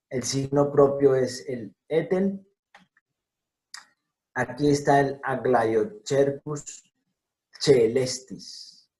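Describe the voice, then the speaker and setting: Male lecturer on a video call, slow and deliberate, drills every syllable. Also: medium pitch, mellow, low-quality recording. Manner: deliberate, spelling out each sound. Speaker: lecturer on scientific name pronunciation. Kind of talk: explanatory talk over slides.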